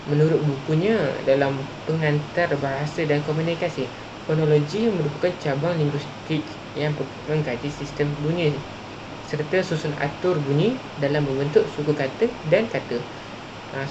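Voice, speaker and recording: A man with a Malaysian Malay accent reading out an academic presentation carefully and haltingly, like a student presenter. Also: fairly high pitch. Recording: muffled lo-fi, loud hum.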